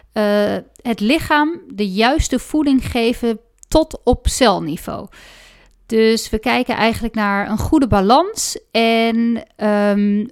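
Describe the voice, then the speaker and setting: A woman's voice: a little high, clean tone. A woman in her thirties, a health coach from the Netherlands, explaining her work earnestly with frequent hesitations in a podcast interview. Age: 30s.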